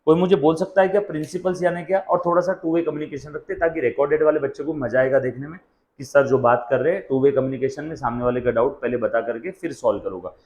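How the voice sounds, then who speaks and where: A man teaching a commerce class, putting questions to his students and answering them himself. He mixes Hindi with English phrases, calls the students "beta" and dictates definitions slowly, word by word. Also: mid-range voice, darkish tone, reverberant, low-quality recording. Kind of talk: classroom lecture.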